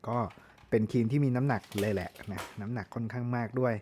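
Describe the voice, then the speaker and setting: A man's voice: mid-range voice, fast, warm tone, a little hiss or hum. A Thai man giving a chatty tool review, often correcting himself and spelling words out. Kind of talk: casual product review.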